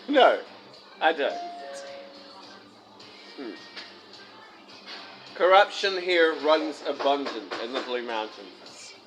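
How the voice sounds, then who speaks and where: A man's voice: mid-range voice, lively intonation, drawn-out words, pauses often, rough recording. A man vlogging to camera, rambling and complaining, laughing often and talking with his mouth full. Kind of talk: casual chat to camera. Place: fast food restaurant. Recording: music playing in the background. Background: background music.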